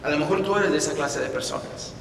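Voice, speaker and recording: A man preaching a sermon with emphatic repetition, swinging between loud and soft, in a church hall. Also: fast talker, vocal fry. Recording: echoey hall from far off, faint rumble.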